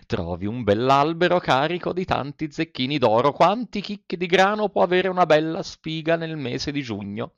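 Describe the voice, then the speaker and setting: A man voicing a sly, flattering male fox who talks smoothly to win someone over. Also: mid-range voice, dry recording, muffled recording. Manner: persuasive, coaxing storyteller delivery.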